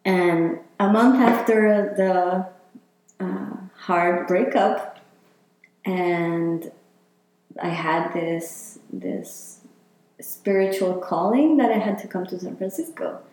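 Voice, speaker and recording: A woman's voice: fairly low pitch, slow, darkish tone. A woman from Chile, talking reflectively in a casual interview and using many fillers. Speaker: interviewee, healer. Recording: very echoey room.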